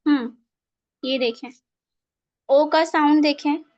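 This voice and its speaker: Brief: woman teacher, slow and repetitive, heard over a choppy, lo-fi video call connection. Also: high voice, steady tone, a little mellow, dry recording. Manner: slow, repetitive explaining, asks checking questions. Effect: breaking-up online call connection. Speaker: English teacher. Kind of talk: online class lesson. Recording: muffled, dry online call audio.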